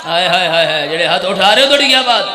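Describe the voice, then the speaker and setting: A man's voice: high-pitched, expressive, pushed and bright, slight background noise. A man with a Punjabi accent giving an impassioned majlis sermon, breaking into sung lines and urging the gathering to respond. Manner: impassioned, urges the crowd to respond. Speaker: zakir, religious orator. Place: live gathering hall.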